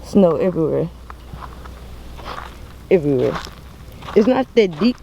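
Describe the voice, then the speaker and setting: A woman's voice: fairly low pitch, sing-song, unhurried, vocal fry, dark tone, muffled recording. A woman chatting casually to a vlog audience, slangy and repetitive, her speech slightly impeded by a grill on her teeth. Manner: slangy, repeats words for emphasis. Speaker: vlogger. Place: outdoors, walking in snow. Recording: noisy windy outdoor recording. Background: wind and outdoor noise.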